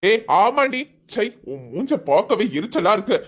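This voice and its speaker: A woman's voice: medium pitch, big pitch swings, moderate pace, background noise, natural voice. A woman voicing a harsh, contemptuous husband in a cartoon who scolds his wife scornfully. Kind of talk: cartoon voice acting.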